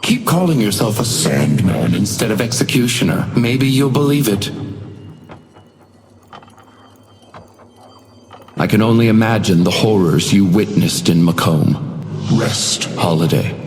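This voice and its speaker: Game role: man playing sinister supernatural hotel doorman. Formal, silky, condescending, theatrical, highly varied intonation, heavy hall reverb. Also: expressive, moderate pace, darkish tone, faint music behind, natural voice. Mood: quiet menace. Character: menacing, genteel male supernatural hotel doorman, silkily tormenting guests. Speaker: game character voice. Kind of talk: theatrical scripted video game voicelines. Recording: long reverberant hall effect.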